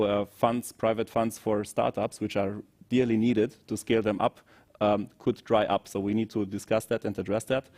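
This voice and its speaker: A man with a German accent giving an expert overview as a consultant guest, measured and analytical with frequent fillers. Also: fairly low pitch, darkish tone. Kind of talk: expert briefing in conversation.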